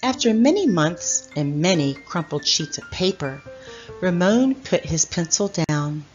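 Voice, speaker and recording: Reading a picture book for kids as host, a middle-aged woman takes a measured, expressive storytelling approach. Her voice runs on the low side, the recording is muffled, and faint music plays behind her.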